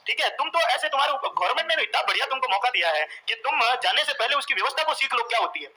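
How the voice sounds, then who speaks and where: A male coaching teacher lecturing a class. He dictates points, repeats them slowly for note-taking and quizzes the students. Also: very high voice, animated, pushed and bright, poor audio.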